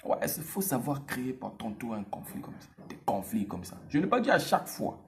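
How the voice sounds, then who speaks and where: A man's voice: mid-range voice, a little fast. A man giving casual dating advice straight to the viewer, repeating himself and using street slang. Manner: animated, repetitive, street slang, addresses viewer directly.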